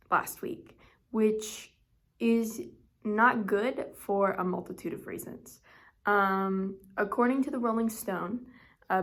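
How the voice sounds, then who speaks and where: Casual woman news presenter, halting delivery full of fillers, recorded in an echoey room, mid-pitched voice. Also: a bit bright. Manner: hesitant, frequent ums and uhs. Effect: echoey room sound. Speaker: news segment host.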